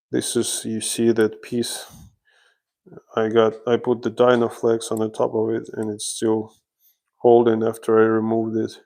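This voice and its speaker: On a job-site livestream, a renovation contractor from Ukraine explains what he's doing one step at a time. He speaks slowly and haltingly in a fairly low, gravelly voice.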